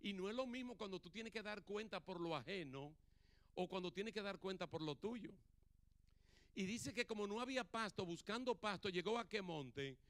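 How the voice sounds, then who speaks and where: A man's voice: high-pitched, lively intonation, normal speed, fairly bright tone. A male pastor preaching a sermon in a church, acting out Bible dialogue and putting questions to the congregation. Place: church sanctuary.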